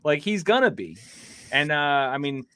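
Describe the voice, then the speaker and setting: A man's voice: a little high, big pitch swings, moderate pace, fairly bright tone, no echo. A man hosting a casual podcast livestream, rambling through news and reading chat comments aloud. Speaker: podcast host.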